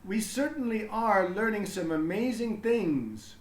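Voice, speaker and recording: A man voicing an earnest young schoolgirl in a children's storybook, speaking in a measured, matter-of-fact way. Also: high voice, lively intonation, echoey room, pitched above the performer's own voice.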